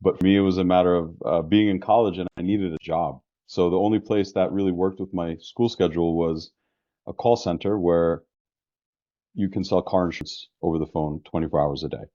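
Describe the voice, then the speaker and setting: The founder of an insurance business, a deep-voiced man from the New York metropolitan area, speaks fairly quickly as a guest in a casual interview conversation. Relaxed and talkative, he restarts often, and the dry recording sounds dull.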